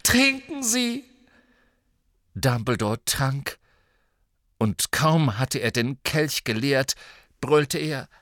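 A man reading an audiobook in a measured, subdued narrating manner. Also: mid-range voice, no room sound, studio quality.

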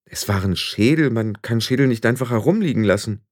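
A man voicing a sensible, sharp-tongued young witch who speaks in a firm, reproachful way for an audiobook. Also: on the low side, fairly quick, no room sound, clean studio sound, close to an everyday voice. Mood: calm, curious. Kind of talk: audiobook character voice.

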